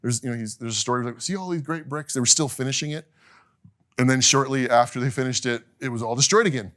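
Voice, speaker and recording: A middle-aged man teaching a casual class, chatty and animated, acting out little quotes and laughing now and then. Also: medium pitch, quick pace.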